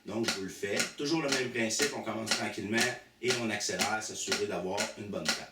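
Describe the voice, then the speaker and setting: A man's voice: fairly low pitch, fairly quick, heavy background noise. Québécois man teaching drums, roomy sound. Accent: Québécois French. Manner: patient, counting aloud and naming strokes. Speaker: drum teacher. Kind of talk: drum lesson with demonstrations. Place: drum school studio. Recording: echoey room, mic far off, loud drum hits.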